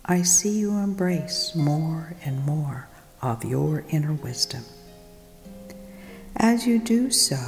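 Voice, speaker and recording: A woman leading a guided meditation, speaking softly and soothingly, often in a whisper. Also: sits low. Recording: long reverb with music behind.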